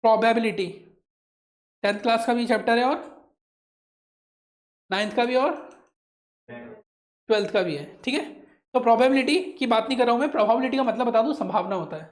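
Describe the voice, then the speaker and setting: A man teaching English grammar with an Indian English accent, drilling words slowly and asking the class to repeat them. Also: very high voice. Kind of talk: classroom lesson, call and response.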